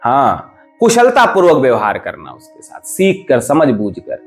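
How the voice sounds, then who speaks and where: A man's voice: mid-range voice, huge pitch swings, a little slow, faint music behind. A man, a spiritual teacher, giving a devotional discourse in an emphatic, explanatory way. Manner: emphatic, explanatory, rises and falls sharply for stress.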